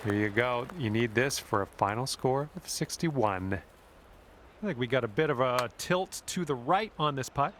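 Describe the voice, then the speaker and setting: A man playing a calm golf commentator in a video game, encouraging the player directly. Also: mid-range voice, lightly acted. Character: friendly adult male golf announcer. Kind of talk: scripted golf play-by-play. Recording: game audio with music and crowd. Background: music and crowd noise.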